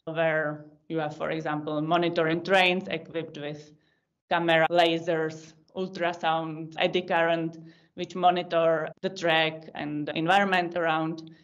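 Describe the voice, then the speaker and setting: A woman's voice: deep voice, flat delivery, a little slow. A woman in her thirties with a Czech accent, a podcast guest explaining her work in long, thoughtful lists with small restarts. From Czech Republic. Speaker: podcast guest, data science team lead. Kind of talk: casual interview answers. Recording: lo-fi video call audio.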